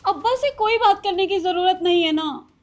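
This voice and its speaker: An actress playing a loving young wife who speaks emotionally and pleadingly. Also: female voice, high voice, moderate pace. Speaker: actor in a short drama. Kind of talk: Hindi short-film acting.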